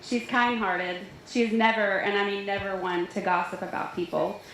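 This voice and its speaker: Female, mid-pitched, informal wedding speech, chatty and joking, strong room echo, faint noise. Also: fairly even intonation, normal speed, a bit bright. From Nashville, US. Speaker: bride's older sister giving a wedding toast. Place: large reverberant room at a wedding reception. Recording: very echoey hall, faint noise.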